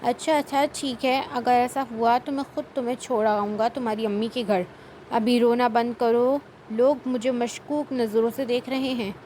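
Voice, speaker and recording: A woman's voice: fairly high pitch, steady tone, mellow, slight background noise, natural voice. A woman voicing a stern, irritable young husband who scolds in a storybook reading. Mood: apologetic. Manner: scolding, impatient.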